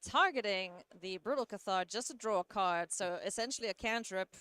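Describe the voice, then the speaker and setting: A woman giving live play-by-play commentary on a card game, playful and quick to laugh. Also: medium pitch, a bit bright, clean tone, no room sound.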